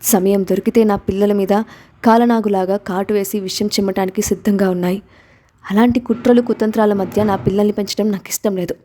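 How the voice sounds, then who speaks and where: A woman's voice: mid-range voice, steady tone, fairly quick, lightly acted. Woman voicing a defiant young mother. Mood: reproachful. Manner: sharp, reproachful.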